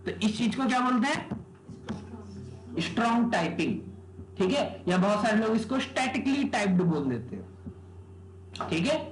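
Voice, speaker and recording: A man's voice: high voice, very animated, moderate pace, long pauses. A male programming teacher giving a live classroom lecture, quizzing students with rhetorical questions and often checking "okay?". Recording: echoey room with background noise.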